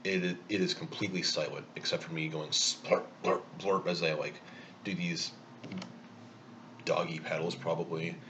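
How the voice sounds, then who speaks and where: A man's voice: a bass voice, little pitch movement, normal speed, pauses often, a bit bright, a little hiss or hum. A man telling a rambling, self-mocking story in a casual vlog while eating. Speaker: vlogger.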